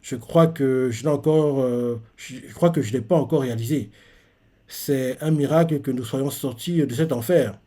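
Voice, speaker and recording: A man's voice: medium pitch, moderate pace, warm tone, natural voice. A man reading the lines of a big brash male cyborg shipwright from manga panels. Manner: read plainly and recounted.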